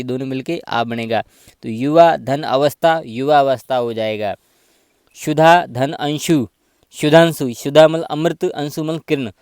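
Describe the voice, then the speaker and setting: A man's voice: mid-range voice, a little mellow, clean tone, no room sound, studio quality. A man teaching a grammar lesson, patiently spelling out examples one by one.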